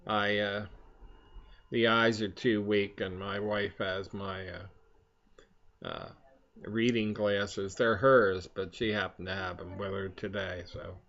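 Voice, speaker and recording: Halting older man with a pipe, low voice. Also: a bit bright. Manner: rambling, halting, trailing off. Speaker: vlogger. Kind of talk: casual chat to camera. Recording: dull, lo-fi sound.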